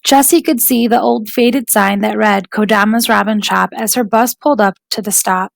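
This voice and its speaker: A woman narrating an audiobook in a measured, even storytelling manner. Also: medium pitch, creaky, no room sound, low-quality recording.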